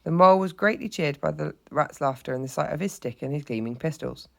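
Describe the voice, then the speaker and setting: Storyteller reading a chapter book to a class, steady and expressive. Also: medium pitch, fairly quick, creaky.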